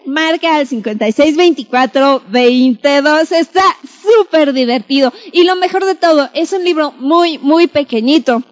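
Mexican woman presenter, high-pitched, animated storyteller reviewing books; muffled lo-fi sound. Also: a little slow, hardly any pauses. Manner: playful, animated, acts out scenes. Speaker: book reviewer on a broadcast segment. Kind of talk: lively book review with storytelling. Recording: dull lo-fi recording.

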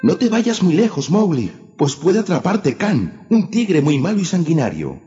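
A man voicing a kind, motherly she-wolf who speaks in a soft, pleading, caring way. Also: a little high, big pitch swings, unhurried, pitched above the performer's own voice. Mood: worried. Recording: echoey, dull, music behind.

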